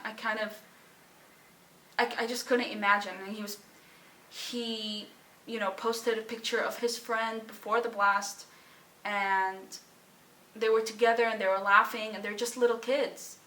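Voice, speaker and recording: Young woman from Syria, bright voice, halting emotional testimony, echoey room a bit off-mic. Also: fairly high pitch, distant mic. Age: young adult. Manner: halting and emotional, with pauses, sighs and restarts. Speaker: student sharing her story. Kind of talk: personal testimony.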